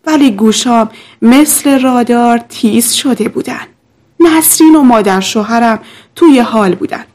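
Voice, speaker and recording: A woman narrating a scripted first-person story in a steady, confessional way. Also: on the high side.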